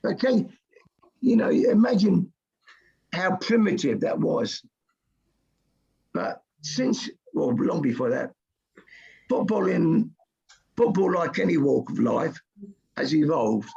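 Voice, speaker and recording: An older man, telling old football stories with dry humour in a casual chat, his voice going hoarse. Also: on the high side, very animated, slow, long pauses, mellow. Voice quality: gravelly, husky voice. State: losing his voice. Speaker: guest, goalkeeping coach. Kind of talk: casual storytelling on a podcast. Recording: muffled lo-fi stream audio.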